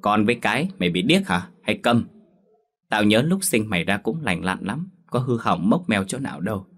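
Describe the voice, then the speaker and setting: A gruff, hot-tempered drunk father barks contempt in a storybook drama, as the male narrator plays him. His voice is deep and husky, with a breathy rasp. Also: sing-song, normal speed, fairly bright tone, exaggerated voice. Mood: angry. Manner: barking, contemptuous.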